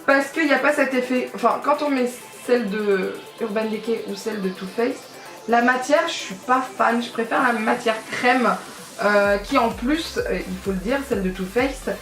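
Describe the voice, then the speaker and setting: A woman's voice: fairly high pitch, moderate pace, fairly bright tone, distant mic. A woman from France talks through a makeup tutorial in a loose, chatty way, full of fillers and self-corrections. She sits a little back from the mic in a roomy, echoing space. Faint music plays underneath. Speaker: beauty vlogger. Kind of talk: casual makeup tutorial chat. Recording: echoey room, voice a bit off-mic, faint music.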